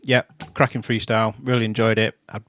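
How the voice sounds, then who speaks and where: A man giving casual reaction commentary in a relaxed way, repeating himself and using fillers like um and you know. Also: fairly low pitch, a little fast, slight background noise. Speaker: reaction video host.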